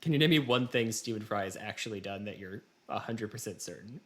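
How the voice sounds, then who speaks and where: An American podcast host chats casually in a wry, rambling manner. He has a lowish, slightly bright voice with lively intonation and a fairly quick pace.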